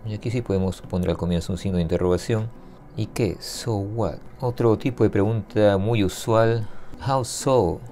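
A man teaching English grammar to learners, explaining patiently step by step and repeating example phrases slowly. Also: on the low side, steady tone, a little hiss or hum. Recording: soft guitar music behind.

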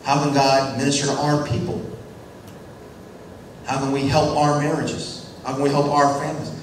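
A man lecturing a class with a slightly high voice, firing questions at the room and acting out characters as he goes. He stands well back from the mic, so he sounds distant. The room is very echoey, with a faint hiss underneath. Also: completely flat delivery. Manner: asks the class questions and repeats short answers; acts out biblical characters in quick voices. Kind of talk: classroom lecture on church mission.

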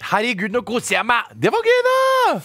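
An excitable young co-host gushes his reactions in a studio. His voice is high and leaps wildly in pitch. The sound is dry and close. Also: no room sound. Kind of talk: casual studio chat.

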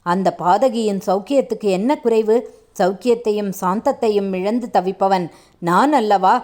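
A woman reading a stern, proud male king in a storybook reading, measured and reproachful in her delivery. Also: medium pitch, a little mellow, close to an everyday voice. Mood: bitter.

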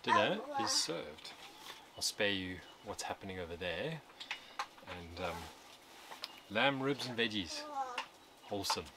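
A man's voice: fairly low pitch, measured pace. An Australian man in his thirties, talking easygoing and casual with plenty of fillers as he vlogs a camping trip from a bush campsite. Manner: relaxed, easygoing, with frequent fillers. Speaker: camping vlogger. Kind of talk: casual vlog narration. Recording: outdoor recording with insect noise. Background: insects and crickets in the bush.

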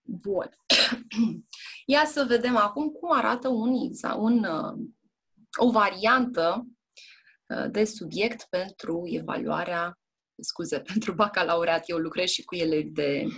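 A woman's voice: on the low side, gravelly, fairly bright tone, husky. A woman teacher giving a one-on-one exam prep lesson, explaining patiently and often checking in with her student, with hesitant fillers. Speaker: Romanian language and literature teacher. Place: indoor classroom or tutoring room.

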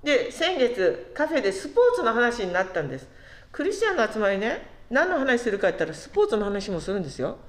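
A woman giving a conversational sermon who asks the congregation questions and slows down on key words. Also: fairly high pitch, huge pitch swings, roomy sound. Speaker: preacher.

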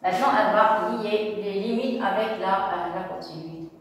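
A woman's voice: medium pitch, normal speed, slight background noise. Echoey, far-off woman teaching maths. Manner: explains step by step, repeats words, often checks with "d'accord?". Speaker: math teacher. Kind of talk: classroom lesson at a whiteboard. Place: classroom.

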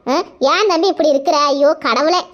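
A woman's voice: sits high, moderate pace, lo-fi sound, lightly acted. A woman voicing a motherly neighbor in a cartoon who lectures a young man. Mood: chiding. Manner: lecturing, chiding.

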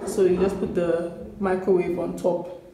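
With a lowish voice, vocal fry and a measured pace, a young Nigerian vlogger with a Nigerian accent talks casually to a handheld camera close to her face. She strolls through a small, bare apartment, thinking aloud in a relaxed, chatty manner with many fillers, over background noise, music and the echo of empty rooms.

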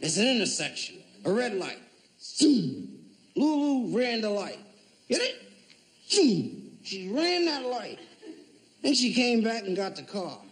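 A man's voice: sits high, takes it slowly, poor audio. A male comedian telling a long story on stage and acting out every character in it. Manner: animated, acts out every character. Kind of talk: stand-up storytelling. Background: studio audience laughter.

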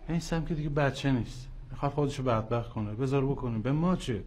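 A man's voice: mid-range voice, a little mellow, close to an everyday voice. An actor playing an older father who asserts his authority as head of the household, in a TV drama. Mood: defiant. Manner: commanding, curt.

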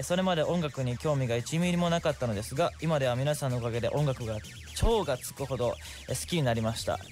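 A young man, hosting a radio show in a studio, reading listener letters and answering them in a friendly, chatty way. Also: mid-range voice. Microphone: studio microphone.

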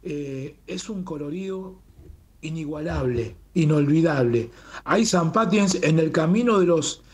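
Enthusiastic Rioplatense man, slightly high voice. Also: a little slow. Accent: Rioplatense Spanish. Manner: warm, enthusiastic, fond of rhetorical "¿no?". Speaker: guest, communications manager of a Japanese garden. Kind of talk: radio interview chat.

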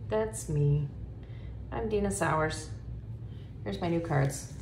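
A woman's voice: fairly low pitch, slow pace, darkish tone. A woman realtor chatting casually as she walks through an empty condo, upbeat and full of fillers, filmed on a handheld phone. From Florida. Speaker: realtor giving a home tour. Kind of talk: casual walkthrough narration. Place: empty condo, indoors, walking room to room. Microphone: phone camera held while walking. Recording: echoey empty rooms with background noise.

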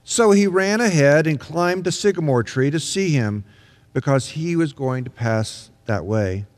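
An older man, an interim pastor, preaching a sermon from the pulpit in a large church sanctuary, measured and earnest with emphatic rises. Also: fairly high pitch, animated. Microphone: pulpit microphone. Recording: long reverb of a large sanctuary.

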